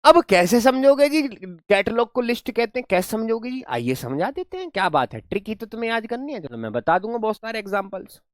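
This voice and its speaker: A man's voice: sits high, sing-song, fairly quick, few pauses, no echo, studio quality. Playful man teaching a class. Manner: playful, coaxing, repeats words for pupils. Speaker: online teacher. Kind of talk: live class teaching vocabulary.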